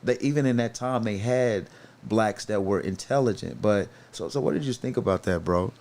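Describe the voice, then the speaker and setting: A man's voice: fairly low pitch, normal speed, a little mellow. A middle-aged man hosting a podcast in a casual, earnest way, often stopping to restart and calling his guest "bro". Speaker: podcast host. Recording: faint background noise.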